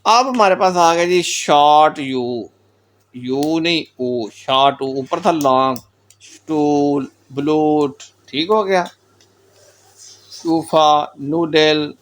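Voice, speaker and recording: A man with a Pakistani Urdu accent teaches German pronunciation in a recorded lecture. His voice sits somewhat high and his pace is unhurried. He works through examples patiently and drops English phrases into his explanations. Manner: explains patiently, often repeats "theek ho gaya", mixes in English phrases.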